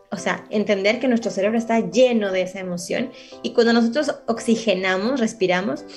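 Brief: woman psychologist, mid-pitched, patient explainer for kids, faint music behind. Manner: patient, explanatory, often asks the listener "¿verdad?". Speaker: psychologist guest. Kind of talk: radio interview for children.

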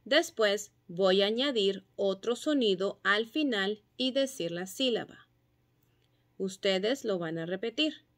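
A woman teacher patiently explaining phonics drills and sounding out syllables and letter sounds clearly. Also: medium pitch, lively intonation, slow. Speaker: kindergarten teacher.

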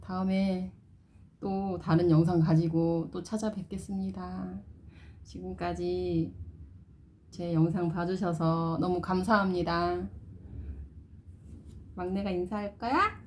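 Slow-talking woman, doting baby talk. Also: fairly low pitch, level tone, warm tone, a little hiss or hum. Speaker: vlogger. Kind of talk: casual doll-play vlog.

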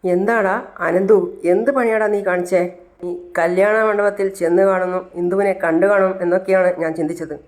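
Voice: medium pitch, fairly even intonation, fairly quick, close to an everyday voice. A narrator voicing a blunt young male friend who prods and chides. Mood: prodding.

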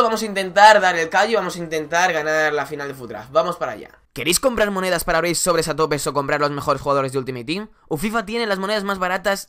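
A young man with a Spain Spanish accent giving excitable commentary over his own football video game, shouting and groaning at the plays. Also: sits high. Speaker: gaming YouTuber. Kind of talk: live gameplay commentary.

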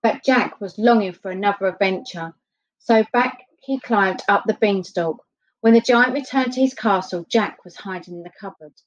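Brief: woman storyteller, mid pitch, expressive bedtime reading, lo-fi muffled sound. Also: moderate pace. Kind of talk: reading a children's story aloud. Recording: dull lo-fi recording.

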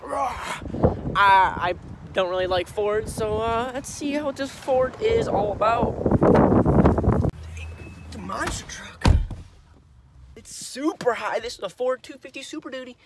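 A man's voice: very high-pitched, takes it slowly, pauses often, heavy background noise. A teenage male vlogger with an American accent, chatting casually and slangily into a handheld phone. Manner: slangy, easygoing. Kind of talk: casual vlog chat. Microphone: phone at arm's length. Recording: handheld vlog under loud music. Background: loud music.

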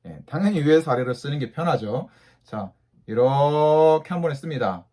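A man's voice: a little high, animated, moderate pace, dark tone. A man giving a patient beginner English lesson to mothers, saying each letter and asking the listener to repeat it three times.

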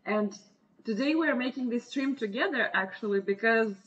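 A woman's voice: on the high side, normal speed, fairly bright tone. A woman in her twenties from Russia with a Russian accent, hosting a casual livestream chat. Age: 20s. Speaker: livestream host. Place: small indoor room. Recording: muffled lo-fi webcam stream audio.

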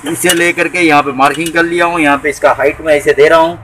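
Speaking fast with a fairly high, slightly bright voice and fairly level intonation, a man in his thirties walks viewers through a repair on his channel. He chats casually as he works in a small, cluttered workshop, and the handheld phone recording has a little hiss or hum.

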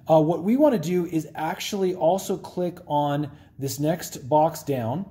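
A man's voice: fairly high pitch, mellow. A man hosting a tech tutorial, explaining step by step in a friendly, plain way while working a phone on camera.

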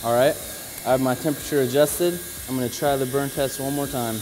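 Relaxed man talking while he works. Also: mid-range voice, brisk, background noise. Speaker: flooring installer. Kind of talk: casual on-the-job demonstration. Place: indoor work floor.

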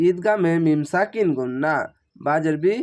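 Teacher spelling out Quran words. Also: male voice, a little high, lively intonation, darkish tone. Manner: spells each letter and vowel, then slows to chant the whole word.

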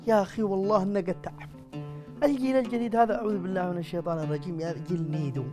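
A man's voice: high-pitched, steady tone, natural voice. A man playing a blustering father, Uncle Naji. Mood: scolding. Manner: loud, exasperated, rapid cursing. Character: blustering middle-aged father, quick to curse. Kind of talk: comedy sketch acting. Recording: music playing behind the voice.

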